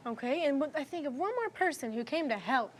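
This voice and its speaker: Against a noisy background, a woman in her twenties speaks high-pitched, animated, and fairly quick. As an afterschool teacher, she explains how she teaches and runs a children's read-aloud, sounding expressive and supportive.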